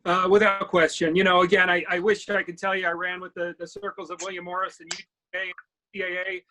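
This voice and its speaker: A man's voice: high voice, level tone, fast, bright, forceful tone, a little hiss or hum, low-quality recording. A man, an actor being interviewed, speaking in an eager, upbeat way in casual chat.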